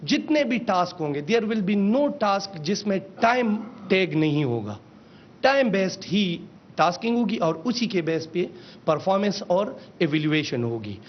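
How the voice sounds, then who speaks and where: A high-pitched man walks the press through a slide briefing in a measured official tone and slips in English phrases. The recording is dull and lo-fi, with a faint rumble underneath. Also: big pitch swings. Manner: mixes in English phrases, calls out slide changes. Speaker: government official presenting a system.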